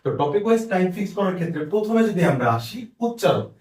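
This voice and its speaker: A male tutor giving a brisk exam-prep lesson, tallying minutes aloud and repeating figures as he goes. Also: high-pitched, sing-song, a little mellow, echoey room, recorded from a distance.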